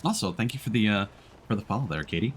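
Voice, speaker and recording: With a little hiss or hum on the recording, a male livestreamer and VTuber chats over his gameplay, drifting from personal thoughts to greeting his audience. His voice is on the low side, quick-paced, with lively intonation.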